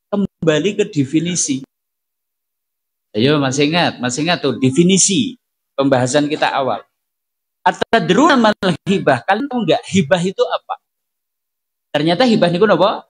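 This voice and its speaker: A man's voice: a little high, husky. A man leading a religious study session, taking questions and asking the audience rhetorical questions in a conversational way. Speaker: preacher.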